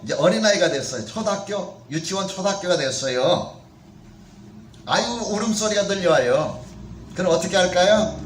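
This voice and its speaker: A man's voice: high-pitched, echoey room, recorded from a distance, slight background noise. A man preaching a sermon as pastor, talking conversationally and asking the congregation questions. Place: church sanctuary.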